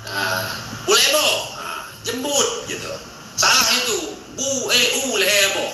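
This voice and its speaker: A man casually explaining word meanings in a lively, emphatic way, leaning on repeated "nah" between points. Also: high voice, slow pace. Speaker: explainer of Acehnese language. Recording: very echoey room with noise.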